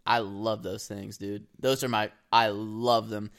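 Young male podcast co-host, playful and slangy, relaxed banter. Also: on the low side, unhurried, vocal fry. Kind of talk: casual chat.

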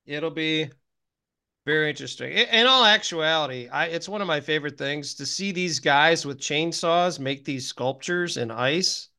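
A middle-aged man co-hosting a casual podcast, rambling with wry, deadpan humor. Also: on the high side, moderate pace, smooth. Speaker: podcast co-host. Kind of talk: casual chat.

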